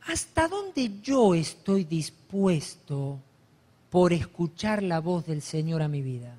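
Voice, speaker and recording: Fervent preacher in an echoing hall. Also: male voice, a little high, sing-song, takes it slowly. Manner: rises to loud fervent emphasis. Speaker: pastor. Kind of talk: sermon. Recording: long hall reverb.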